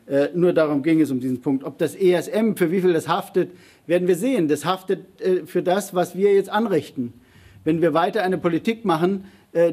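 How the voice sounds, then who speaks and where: A man on a panel answering audience questions in a public debate, arguing emphatically and often pausing on fillers and restarts. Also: a little high, a little mellow, breathy edge.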